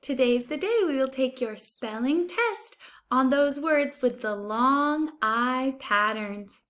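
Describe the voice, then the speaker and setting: A woman speaking as a first-grade teacher, giving a spelling test dictation with deliberate, enunciated delivery. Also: high-pitched, a bit bright. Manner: deliberate, enunciated, repeats single words. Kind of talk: spelling test dictation, word then example sentence.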